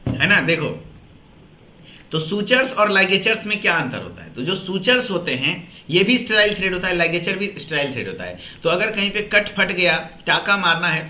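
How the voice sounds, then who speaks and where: Male online tutor with a tinge, high and bright voice, tired after a long day, quizzes the class by repeating answers, echoey room. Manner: conversational teaching, repeats answers as questions to the class. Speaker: pharmacy teacher. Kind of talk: online exam-prep lecture.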